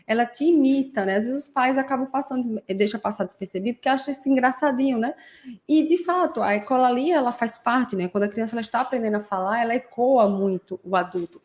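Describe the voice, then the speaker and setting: A woman hosting a podcast who explains things in a relaxed way. She often adds tag questions and acts out short examples. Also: on the high side, fast talker. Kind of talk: casual explanatory podcast talk.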